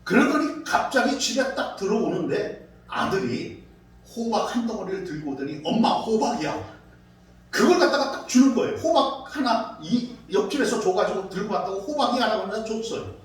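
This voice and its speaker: A man preaching a sermon as pastor, telling stories in an animated way and acting out quoted voices. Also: extremely high pitch, fairly quick. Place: church sanctuary. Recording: very echoey hall, far from mic.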